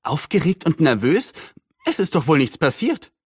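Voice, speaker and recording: A man's voice: a little high, moderate pace, no room sound, clean studio sound, voice pushed up, natural voice. A man voicing a prim, nosy middle-aged woman neighbor who sounds a little disapproving and fussy. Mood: friendly prim.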